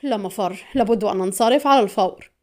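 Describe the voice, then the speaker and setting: A woman's voice: medium pitch, quick pace, darkish tone, lightly acted. A woman voicing a male military attaché who speaks urgently and in clipped lines under pressure. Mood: tense.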